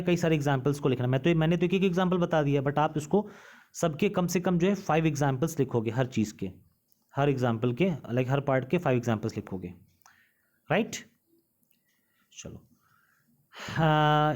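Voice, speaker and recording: A male teacher explaining English grammar rules in Hindi, reading the English rules out slowly and asking his students questions as he explains. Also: fairly high pitch, darkish tone.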